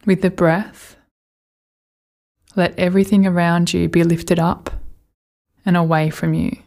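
This woman's low-ish, creaky voice holds a steady, flat intonation. As a meditation guide, she speaks soothingly and gently, letting unhurried pauses fall between phrases.

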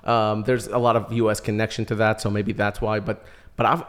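Low-voiced Iraqi-born man telling a story. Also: level tone, a little fast, clear, resonant tone. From Iraq. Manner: storytelling, chatty, laughs often. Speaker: podcast guest. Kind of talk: casual chat.

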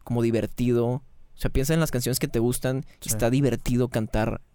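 A man with a Mexican Spanish accent, a singer talking casually as a podcast guest, slangy and quick with many restarts. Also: mid-range voice, fairly even intonation, mellow, clean tone, dry recording. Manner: slangy, fast and repetitive, restarts mid-phrase. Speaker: singer and band founder, guest. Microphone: studio mic in a small treated room.

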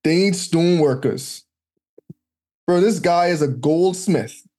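A man's voice: a little high, takes it slowly, dark tone. A man with a Caribbean accent in a casual Bible study, speaking in an emphatic, slangy, colloquial way. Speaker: podcast host. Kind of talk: casual Bible study chat with scripture read aloud.

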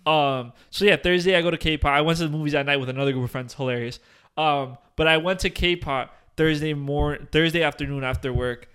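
A young man with a slightly high voice hosts a casual podcast chat. He tells a long story in animated, rambling bursts, with plenty of swearing, fillers and false starts. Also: a little fast, clear, resonant tone. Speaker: podcast host.

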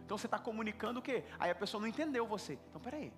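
A male pastor delivers an animated sermon, repeating words for emphasis and slipping into acted-out exchanges. His voice sits high and leaps widely in pitch. Soft music runs faintly underneath. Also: racing. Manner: animated, repetitive, acts out dialogues.

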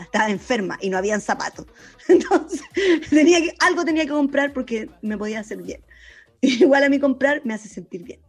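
A Chilean woman telling a story in casual chat, animated and slangy, laughing often. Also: mid-range voice, husky.

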